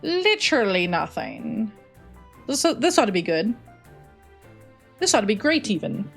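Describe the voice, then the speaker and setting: A woman's voice: medium pitch, very animated, a little slow, gravelly, faint music behind. A woman livestreaming games, chatting casually with chat in a playful gamer-girl way full of slang. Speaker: streamer and host.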